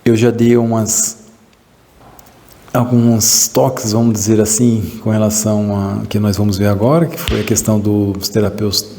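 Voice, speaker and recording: Low gravelly Brazilian man teaching in a hall. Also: level tone, mellow, slight background noise. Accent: Brazilian Portuguese. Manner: halting, many restarts and "né?" tags. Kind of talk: recorded class lecture.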